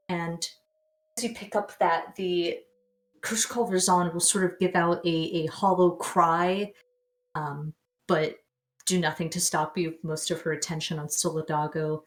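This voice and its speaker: A young adult woman narrating a tabletop game as game master, with descriptive, unhurried narration. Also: on the low side, low-quality recording.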